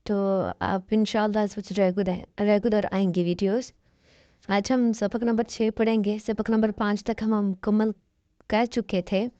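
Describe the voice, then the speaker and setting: A woman with a Pakistani Urdu accent teaching a Quran reading lesson. She explains quickly, then spells out letters slowly and carefully. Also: mid-range voice, flat delivery, warm tone, dry recording, lo-fi sound. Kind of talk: online recitation lesson.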